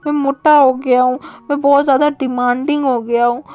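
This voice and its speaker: A woman's voice: sits high, little pitch movement, normal speed, darkish tone, lo-fi sound, lightly acted. A woman voicing a clingy, sulky young pregnant husband who whines and pleads in a tearful way. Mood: whiny, tearful.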